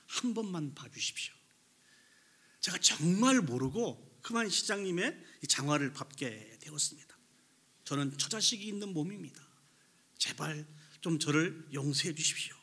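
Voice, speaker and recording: Fretful clerk guy begging to be forgiven, a preacher putting him on, husky and punchy. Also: fairly high pitch, expressive, moderate pace, pushed and bright, exaggerated voice. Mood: pleading. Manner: worried, begging inner speech. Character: anxious, pleading male office clerk.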